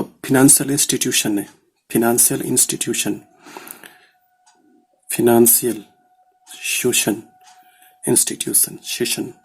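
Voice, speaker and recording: A man from India teaching shorthand in a casual lesson, repeating words slowly as he writes, with many fillers. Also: mid-range voice, dark tone, slightly rough.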